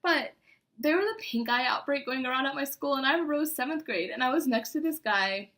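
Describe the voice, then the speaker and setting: Bright, high-voiced embarrassed young woman reading aloud. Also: fairly quick. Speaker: vlogger. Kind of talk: casual chat, reading aloud from an old childhood diary.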